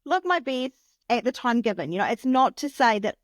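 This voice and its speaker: A woman's voice: fairly high pitch, brisk, no echo. Chatty woman podcast guest, dry sound. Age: 30s. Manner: chatty, animated, lots of fillers. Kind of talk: casual chat.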